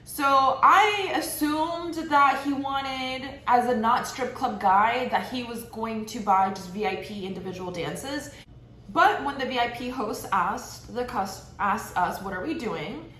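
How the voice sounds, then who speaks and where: A woman's voice: on the high side, takes it slowly, bright, forceful tone. Young woman ranting through a storytime, blunt and sweary, faint hum behind, roomy echo. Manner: candid, blunt and profane, with sarcastic asides. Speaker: vlogger. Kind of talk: casual storytime monologue. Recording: echoey room with faint ambient noise.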